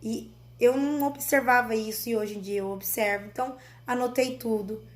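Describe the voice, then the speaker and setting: A woman's voice: a little high, fairly even intonation, normal speed. A woman, a mother telling her child's story to viewers in an earnest, explanatory vlog.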